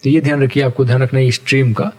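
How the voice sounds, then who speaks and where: A man teaching animation software step by step in a patient, explanatory way, often checking in with his viewers. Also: mid-range voice, steady tone, racing. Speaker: animation tutor. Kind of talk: screen-recorded software tutorial.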